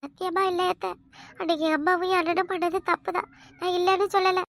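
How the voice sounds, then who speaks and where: A woman doing a soft, begging young wife. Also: extremely high pitch, little pitch movement, fast talker, no echo. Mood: pleading. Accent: Kanyakumari Tamil. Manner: begging, tearful, soft-spoken. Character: pleading young village wife. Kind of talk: cartoon comedy voice acting.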